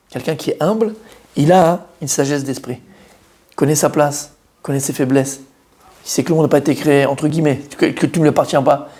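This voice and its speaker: A man, a rabbi, giving a Torah lesson to a live group. He talks in an animated, emphatic way, questions his listeners and repeats key words to drive them home. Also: a little high, gravelly. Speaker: rabbi teaching a Torah class.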